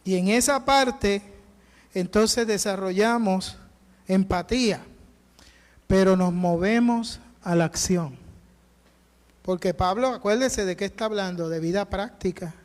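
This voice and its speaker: A Puerto Rican Spanish-accented man preaches to his congregation with a very high voice. He keeps his sermon conversational and keeps putting questions to the listeners. Long church reverb trails every phrase. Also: measured pace, long pauses. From Puerto Rico. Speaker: pastor. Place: church sanctuary.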